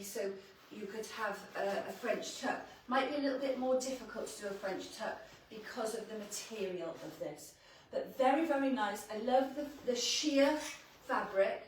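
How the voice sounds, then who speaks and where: A woman runs a live shopping stream from her clothing boutique, chatting casually and laughing as she shows off outfits. Her voice sits at a middle pitch and comes from a little way off the mic. The small shop room rings with a strong echo, and a faint hiss sits underneath. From Wales. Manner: chatty, laughs often, talks while changing outfits. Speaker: boutique owner presenting clothes on a livestream. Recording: echoey shop room, voice from a distance.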